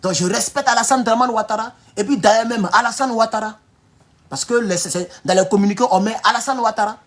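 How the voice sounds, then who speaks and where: Male Ivorian French commentator, casual livestream delivery, animated and mocking, wide swings in loudness. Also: a little fast. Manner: animated, laughs often, mocking asides, swings from low mutters to loud outbursts. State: sore back. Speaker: online political commentator. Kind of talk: casual livestream talk reading viewer comments.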